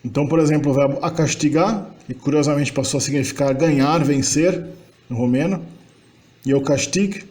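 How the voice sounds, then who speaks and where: A man's voice: a little high, darkish tone. Man teaching linguistics. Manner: conversational, often adds tag questions; pauses to reformulate mid-sentence. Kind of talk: explanatory lecture.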